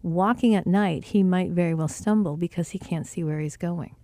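A woman's voice: on the low side, moderate pace, dark tone, no room sound. A woman giving an earnest spiritual talk who retells scripture with quoted dialogue.

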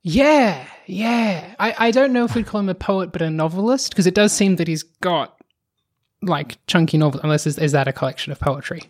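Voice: mid-range voice, animated, normal speed. A podcast co-host in casual chat who explains at length, speeding up in bursts and sighing now and then.

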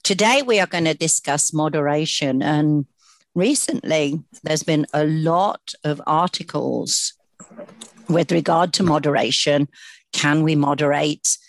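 A woman's voice: sits low, a little slow, no echo. A woman with a British accent hosting a podcast in a casual, chatty style. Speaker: podcast host. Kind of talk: casual podcast introduction and chat.

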